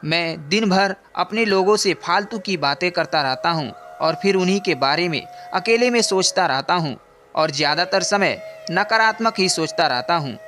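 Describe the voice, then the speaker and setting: A man voicing a young prince in a storybook, calm and reflective, speaking in a steady, earnest way. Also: sits high, normal speed, a little hiss or hum. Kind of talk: scripted storybook narration.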